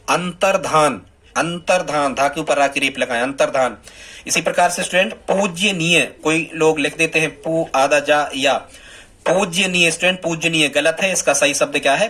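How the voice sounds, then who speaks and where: Male teacher, bright and a bit high, explains correct spellings word by word and self-quizzes out loud. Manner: repeats words, asks and answers himself. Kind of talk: Hindi grammar lesson.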